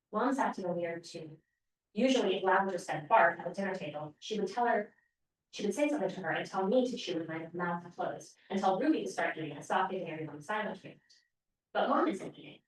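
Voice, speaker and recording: A woman author reads from her novel at a podium in a library room, giving the story an expressive first-person telling. The room is very echoey and her voice sits some distance from the microphone. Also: mid-range voice, a little fast. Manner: expressive first-person reading, brief hesitations between parts. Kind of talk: reading aloud from her novel. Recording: very echoey room, voice far from mic.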